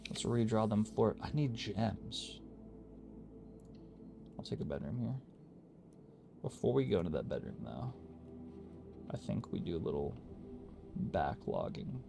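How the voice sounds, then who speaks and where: A man's voice: lowish voice, big pitch swings, a little slow, creaky, long pauses, over music. A man giving casual gameplay commentary, thinking aloud and muttering to himself as he plays. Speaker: gaming YouTuber.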